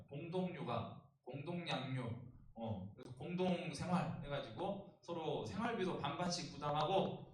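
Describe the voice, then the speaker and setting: A male pastor preaching a youth sermon, joking and asking the congregation questions. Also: a little high. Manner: humorous, asks the congregation questions. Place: church sanctuary. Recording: echoey church hall, distant mic.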